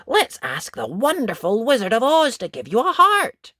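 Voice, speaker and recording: A storyteller as Little Dot, plucky high-voiced little girl. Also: normal speed, no echo, studio quality, exaggerated voice. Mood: bright, eager. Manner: earnest, expressive, childlike.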